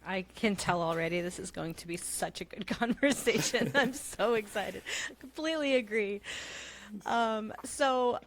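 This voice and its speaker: A woman's voice: medium pitch, measured pace, a little hiss or hum. A woman from Montana hosting an interview podcast, chatty and enthusiastic. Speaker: podcast host.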